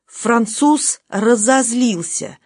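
Female audiobook narrator, fairly high voice, measured, dry close sound. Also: darkish tone, dry recording.

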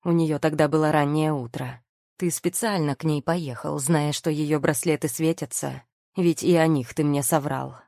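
A woman's voice: low voice, steady tone, normal speed, creaky, warm tone, dry recording, studio quality. A woman reading the lines of an angry, passionate young male lord in an audiobook, speaking hard and firm.

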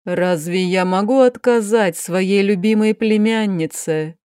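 An aristocratic aunt of a duchess, weary and imperious, her lines dragged out in exasperation, as a woman narrator voices her. The tone is smooth and resonant. It sounds dry, with no room echo. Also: medium pitch, measured pace, a little mellow, lightly acted. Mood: pleading. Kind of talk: audiobook character voice.

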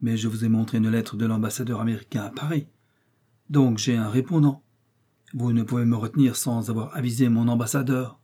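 A man reading the lines of a suave gentleman bandit who speaks with mocking politeness. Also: mid-range voice, steady tone, a little fast, breathy edge, close to an everyday voice. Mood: amused.

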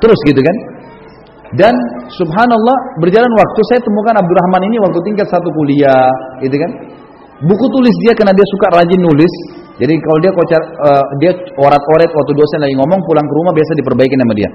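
A man's voice: a little high, fast talker. A man preaching a sermon, telling personal stories in a casual, conversational way. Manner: casual, anecdotal, frequent conversational tags. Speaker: Islamic preacher. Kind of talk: storytelling sermon. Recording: echoey hall, dull lo-fi sound.

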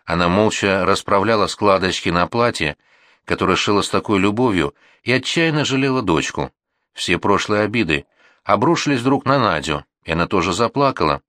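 A man narrating a story in an audiobook, expressive and storytelling. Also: lowish voice, a little fast, no room sound, studio quality. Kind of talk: audiobook reading.

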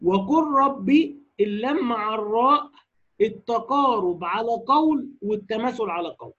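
Egyptian man, high husky voice, teaching recitation rules on a dull lo-fi recording. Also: animated, fairly bright tone. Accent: Egyptian Arabic. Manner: explains then slowly demonstrates recitation, asks the class rhetorical questions. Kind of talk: lecture on tajweed rules.

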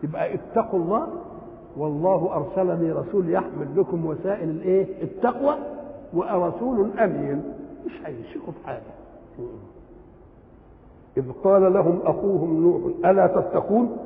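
An older man with an Egyptian accent giving a lively religious lesson, often asking his listeners a question and then answering it himself. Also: high-pitched, fairly quick, gravelly, a little hiss or hum. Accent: Egyptian Arabic. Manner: animated, asks questions and answers them himself. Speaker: Quran commentator. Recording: tinny, echoey old hall recording.

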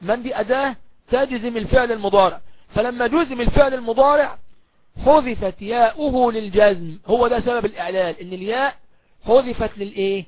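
A man with an Egyptian accent teaching Quran recitation in a recorded course, asking and answering his own questions and slowing down to recite examples. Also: very high-pitched, dry recording, highs cut off. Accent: Egyptian Arabic. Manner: slows down to recite verse examples. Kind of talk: recorded online course lecture.

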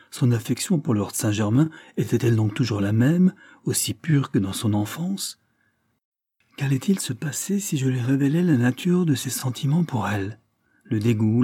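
A man reading a novel aloud in an earnest, measured first-person narration. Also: mid-range voice, dark tone, slightly rough, dry recording, clean studio sound. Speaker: audiobook narrator.

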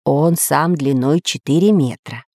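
A woman voicing a kindly male scientist in a storybook reading, explaining slowly. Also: sits low, dark tone, dry recording, studio quality. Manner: slow, explaining.

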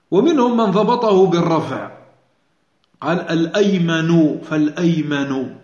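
A man teaching a religious lesson, explaining a text patiently, often repeating key phrases and pausing to rephrase. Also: fairly high pitch. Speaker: sheikh teaching a hadith lesson. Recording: echoey room, dull lo-fi sound.

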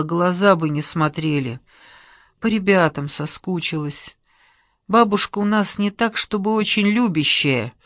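A woman's voice: fairly low pitch, no room sound, studio quality, lightly acted. A woman reader voicing a weary, homesick young woman who talks plaintively.

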